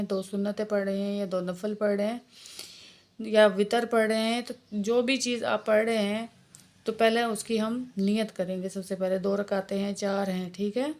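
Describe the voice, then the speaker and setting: A woman teaches prayer step by step in a flat, level voice of middle pitch. She explains each point quickly, then slows right down to recite the verses in long, drawn-out syllables. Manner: repeats "okay" as she teaches. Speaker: religious teacher.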